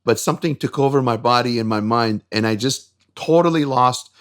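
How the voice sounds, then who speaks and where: A man from Syria, a fair food vendor, telling an excited, emphatic story about his creations. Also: mid-range voice, brisk, smooth. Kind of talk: casual storytelling.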